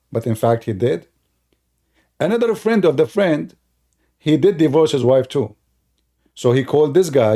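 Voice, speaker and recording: An online commentator and host with a mellow, rather high voice tells viewers a story in an informal, mocking way. He keeps repeating phrases to drive the point home.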